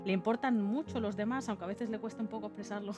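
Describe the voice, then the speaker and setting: A woman's voice: mid-range voice, fairly even intonation, fast. A woman with an accent from Spain giving casual video essay commentary in an informal, chatty manner. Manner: informal and chatty, with conversational tag questions. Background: background music.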